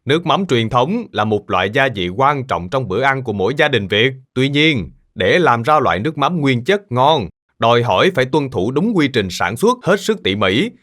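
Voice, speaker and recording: In a cartoon, a man plays a gentle middle-aged uncle who makes fish sauce and patiently teaches children how things work. His medium-pitched voice is sing-song and fairly bright, flowing at a moderate pace with few pauses.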